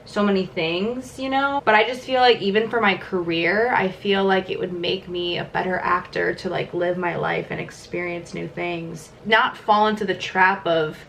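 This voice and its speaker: Chatty young woman with vocal fry. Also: on the low side, steady tone, moderate pace, hardly any pauses, a bit bright, slight background noise. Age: 20s. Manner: chatty, many "like" fillers. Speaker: vlogger. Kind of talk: casual vlog chat during a makeup routine.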